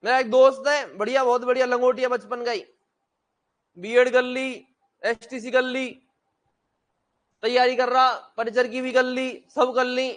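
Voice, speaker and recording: A man with a very high voice lectures a class. He talks bluntly and half-jokingly, scolds his students and keeps asking them questions that he answers himself. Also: little pitch movement, unhurried, long pauses, fairly bright tone. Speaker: teacher.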